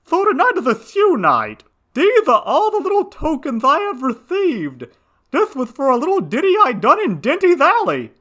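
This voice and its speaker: A man's voice: extremely high pitch, huge pitch swings, pushed and bright, voice pushed up, heavily acted. A man voicing a brash, slangy male alley cat full of street talk. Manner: slangy, fast-talking.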